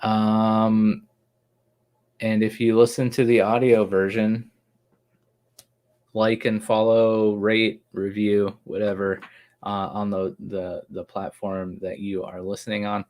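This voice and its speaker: A man co-hosting a couple's podcast, wrapping up the episode in a relaxed, rambling way with lots of fillers. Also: on the low side, slow. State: hiccups. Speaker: podcast co-host. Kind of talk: casual chat.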